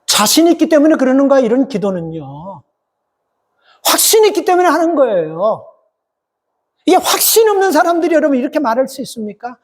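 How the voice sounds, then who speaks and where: A man's voice: big pitch swings, brisk. A man, a pastor, preaching a Sunday sermon in an emphatic manner, talking straight to the congregation with rhetorical questions. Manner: acts out biblical quotes with rising, heated pitch.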